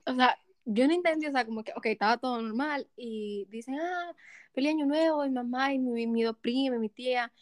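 A young woman co-hosting a podcast, telling stories in a lively, slangy way. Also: on the high side, a little fast, hardly any pauses. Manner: animated storyteller, slangy. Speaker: podcast co-host. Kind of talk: casual chat.

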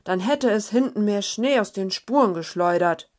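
A woman's voice: medium pitch, expressive, normal speed, natural voice. A woman voicing a knowledgeable young boy who reads tracks and explains them. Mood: explaining. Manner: explaining, pointing things out.

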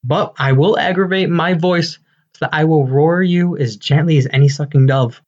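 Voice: mid-range voice, moderate pace, a little mellow, lightly acted. Boastful male weaver played by an actor, bombastic declamation, self-important, Shakespearean stage comedy, slightly dull recording. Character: Bottom, boastful, eager amateur-actor weaver, adult man.

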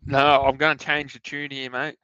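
An Australian man co-hosting a podcast of casual sports betting chat, with a hesitant, halting delivery. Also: mid-range voice, completely flat delivery, sharp tone, clean tone, dry recording. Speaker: podcast co-host. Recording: dull, close dry sound.

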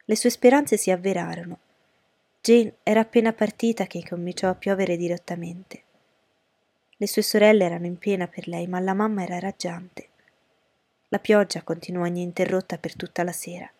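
A woman's voice: lowish voice, steady tone, moderate pace, darkish tone, no room sound. A woman narrating a classic novel as an audiobook, reading steadily and unhurriedly. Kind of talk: scripted narration.

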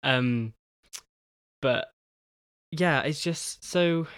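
A young man hosting his own podcast in a casual solo talk, halting, with many pauses and restarts. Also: fairly high pitch, fairly bright tone, clear, resonant tone, no room sound, studio quality. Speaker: podcast host.

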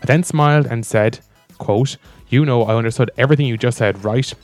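A man's voice: medium pitch, fairly quick, no room sound, soft background music. A man co-hosting a casual chat, rambling and full of fillers as he retells and reads stories. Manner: rambling, filler-heavy with lots of "like". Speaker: co-host reading stories.

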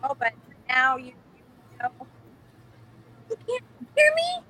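A woman's voice: sits high, wildly swooping pitch, slow, pushed and bright, a little hiss or hum. A woman speaking as a strike organizer over a call that keeps cutting out with a robotic, glitchy sound. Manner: earnest, lots of um fillers. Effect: glitchy robotic call audio that cuts out. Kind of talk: casual livestream call.

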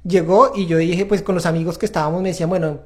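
A man's voice: sits high, steady tone, fast talker. A man hosting a faith-based parenting talk, earnest and confessional as he speaks straight to viewers. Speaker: parenting show host.

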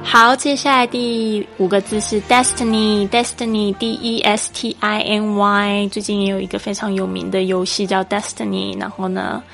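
A woman hosting a podcast English lesson. She explains patiently and spells English words out slowly, letter by letter. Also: mid-range voice, level tone, gravelly, a bit bright, soft background music. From Taiwan. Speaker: English teacher and podcast host.

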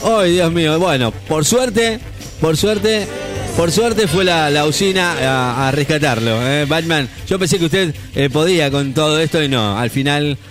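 A playful radio host with a Rioplatense accent, talking in an animated, bantering way. His voice sits mid-range, with faint music under it. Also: fairly high pitch, a little slow. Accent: Rioplatense Spanish. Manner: animated, playful, laughing along. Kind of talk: comedic radio chat.

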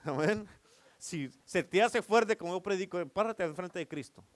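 A man preaching from the pulpit, his voice sitting a bit higher than most men's. He teases his listeners and keeps asking for amens. The sound is dry and close, with almost no room echo. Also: normal speed. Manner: playful, teasing preacher who keeps calling for amens. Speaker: pastor. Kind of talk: sermon. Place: church.

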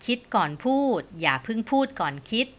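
A woman host giving a scripted podcast lesson on communication, polite and measured, with punchy short lists. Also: mid-range voice, animated. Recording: soft music bed behind the voice.

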